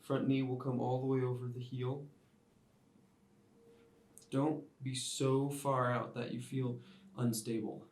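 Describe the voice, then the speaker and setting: A man teaching a yoga class, giving calm step-by-step cues timed to the breath. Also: mid-range voice, takes it slowly, pauses often. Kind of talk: guided yoga class instruction. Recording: roomy sound, mic at a distance.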